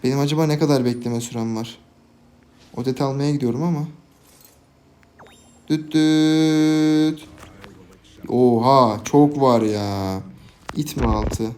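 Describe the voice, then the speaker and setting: A young man giving casual, jokey live commentary on his own game, swinging from quiet planning to loud, laughing outbursts. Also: mid-range voice, slow, long pauses. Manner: excitable, jokey, shouts and laughs at big plays. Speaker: gaming YouTuber.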